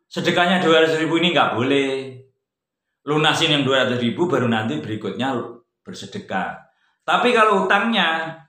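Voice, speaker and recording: A man giving an informal religious study talk, conversational, jumping from loud emphatic peaks to quiet, low asides. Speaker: religious teacher. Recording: roomy echo.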